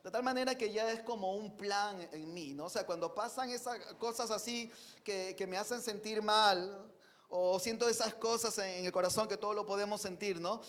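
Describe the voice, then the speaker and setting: A man from Peru preaching a sermon, earnest, moving between emphatic declarations and quiet reflective asides, with many rhetorical questions to his listeners. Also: sits high, normal speed.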